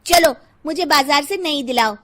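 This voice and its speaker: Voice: sits high, normal speed, bright, forceful tone. A performer voicing a young schoolgirl daughter in a cartoon, whiny and demanding.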